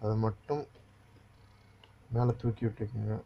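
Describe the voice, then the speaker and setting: Speaking unhurriedly in a lowish voice with vocal fry, a man walks through a casual repair tutorial step by step, frequently making sure the listener keeps up. The recording sounds dull and lo-fi, with faint noise.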